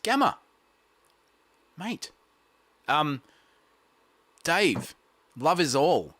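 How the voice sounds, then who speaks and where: Bright, lively man hosting a stream. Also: on the high side, drawn-out words, no echo. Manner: chatty, laughing, reads out viewer comments. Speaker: livestream host musician. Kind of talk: casual livestream chat. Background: guitar playing.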